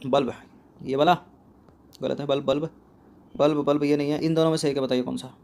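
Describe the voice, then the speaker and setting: A man with a slightly high voice works through a spelling quiz like a coaching-class teacher. He repeats each word, asks a question and answers it himself, close on the mic. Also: steady tone, a little fast, vocal fry, a little mellow.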